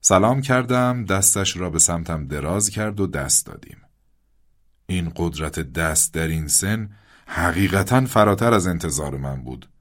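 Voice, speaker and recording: A man narrating a satirical story in a mock-formal tone with hushed asides. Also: sits low.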